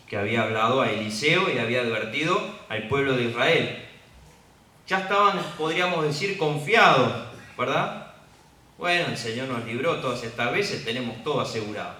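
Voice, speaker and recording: A man's voice: medium pitch, pushed and bright. A man preaching a sermon as pastor, asking the congregation question after question and rising at dramatic moments. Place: church. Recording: echoey church from far off.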